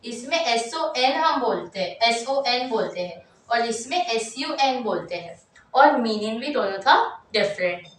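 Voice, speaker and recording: A young woman teaching an exam-focused English grammar lesson in a lively, chatty way, full of asides and repeated checks. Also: on the high side, a little slow. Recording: roomy, mic set at a distance.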